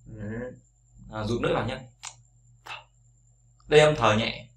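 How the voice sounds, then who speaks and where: A man with a medium-pitched voice gives a casual English pronunciation tutorial at an unhurried pace, repeating each sound again and again and using frequent fillers.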